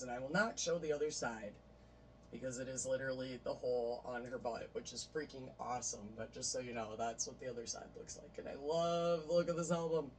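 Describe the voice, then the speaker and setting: Man, casual collector vlogger, enthusiastic rambler, sits back from the mic with a light hiss in the room. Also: medium pitch. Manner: rambling, enthusiastic, many fillers. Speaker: vlogger showing a vinyl record collection. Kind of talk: casual chat. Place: bedroom. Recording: voice a bit distant from the mic, faint noise.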